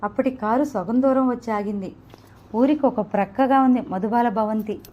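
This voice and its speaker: A woman narrating an audio novel in an even storytelling delivery. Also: on the high side, normal speed, muffled recording. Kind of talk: scripted narration.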